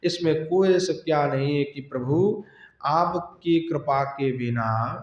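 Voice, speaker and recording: A man giving a devotional scripture discourse as a katha preacher. He asks his listeners questions and answers them himself, and he chants Sanskrit verses slowly. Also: a little high. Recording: dull echoey hall recording.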